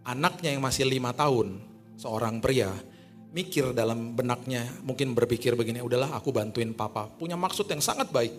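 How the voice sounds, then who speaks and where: A middle-aged man preaching a sermon in a mid-range voice. He tells stories in casual slang, dropping to quiet asides and then rising to loud, excited peaks. Faint music plays beneath him. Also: mid-range voice, normal speed. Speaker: pastor.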